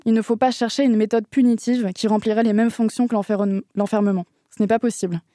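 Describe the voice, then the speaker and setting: A woman with a higher, mellow voice reads her activist radio column in a steady, earnest way. The sound is dry and close. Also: dry recording.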